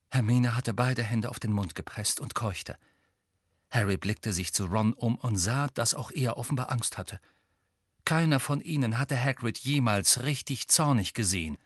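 A man narrating an audiobook in an expressive reading. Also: medium pitch, no room sound, studio quality. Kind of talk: scripted narration.

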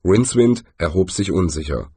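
Husky, expressive male storyteller. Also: low voice, normal speed, no room sound. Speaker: audiobook narrator. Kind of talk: scripted narration.

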